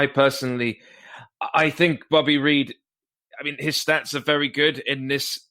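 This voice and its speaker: A man's voice: medium pitch, bright, forceful tone. A man giving rambling, hedging opinions as a panelist on a casual football fan podcast.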